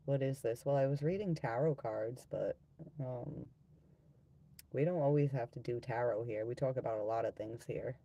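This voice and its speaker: A man with a relaxed, mellow voice hosts a casual live stream. His voice is gravelly and full of fry, like a long-time smoker's. He talks bluntly and conversationally to viewers and swears freely. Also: medium pitch, normal speed. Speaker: live stream host and tarot reader.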